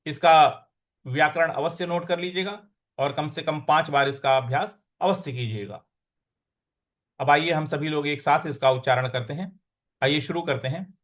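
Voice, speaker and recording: A man teaching a scripture lesson, reciting verses in a slow chanting tone and then explaining pronunciation and meaning. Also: a little high.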